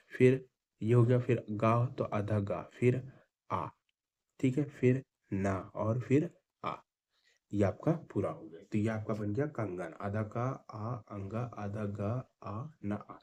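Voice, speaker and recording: A man's voice: mid-range voice, dark tone, slightly rough. A young adult man teaching an exam-prep lesson, patiently spelling things out piece by piece.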